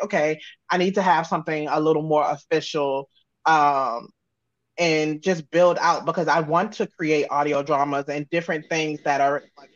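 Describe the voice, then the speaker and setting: This audio drama creator and sound designer speaks in a low pitch with an American accent, on a muffled recording with no room sound. As an interview guest she talks informally and casually, her thoughts loose and running on.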